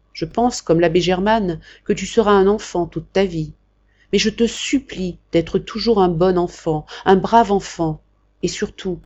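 Une femme lisant un jeune homme mourant, doux et tendre. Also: female voice, medium pitch, darkish tone, lo-fi sound, close to an everyday voice. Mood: gentle. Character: young man dying of consumption, gentle and brave.

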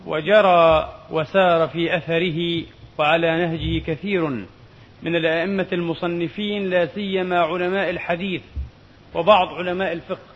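A man preaching a sermon in formal classical style, measured and emphatic, often repeating a phrase for weight. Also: high voice, a little hiss or hum. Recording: dull audio with long hall reverb.

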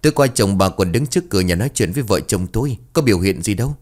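A gossipy older fruit seller who knows every rumor in the village, as a low-voiced male narrator reads her. The tone stays deep and relaxed, like a spoken storybook. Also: fast. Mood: chatty. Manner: chatty, knowing.

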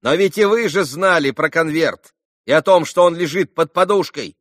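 A man voicing a calm, insistent male prosecutor who questions the accused deliberately in an audiobook. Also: fairly high pitch, no echo, clean studio sound, voice pushed up, close to an everyday voice.

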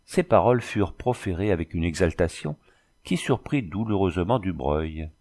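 A man narrating a novel aloud in a measured, even storytelling manner. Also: sits low. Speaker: audiobook narrator. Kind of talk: scripted narration.

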